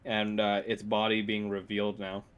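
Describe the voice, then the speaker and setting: A man narrating a tabletop role-playing game as game master in an informal, halting way. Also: lowish voice, completely flat delivery, fairly bright tone, clean tone, dull audio.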